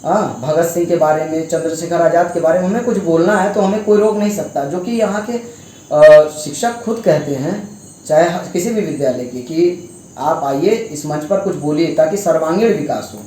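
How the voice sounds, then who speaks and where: A man's voice: on the high side, moderate pace, dark tone. Echoey young man speaking out. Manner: emphatic, rhetorical questions. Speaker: student speaking out. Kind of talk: impassioned interview answers. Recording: very echoey with faint noise.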